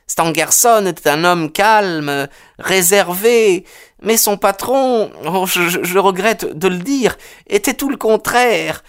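An anxious widowed landlady, as an audiobook reader puts her on, pleading in a voice pitched well above the narration. She is earnest and agitated, and her lines swing up and down with lively emphasis. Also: takes it slowly, clean tone. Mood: indignant. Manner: high, earnest and agitated, sighing.

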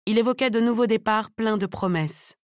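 A woman narrating a novel aloud in a measured, steady, lightly ironic way. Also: a little high, no room sound, clean studio sound. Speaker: audiobook narrator.

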